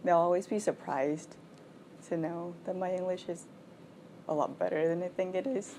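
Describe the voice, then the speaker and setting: A woman's voice: on the low side, fairly even intonation, normal speed, warm tone, a little hiss or hum. A woman in her twenties from Thailand, giving frank, chatty answers as an international student in an interview. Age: 20s. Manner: frank and chatty, with frequent "like" fillers. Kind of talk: candid casual interview answers.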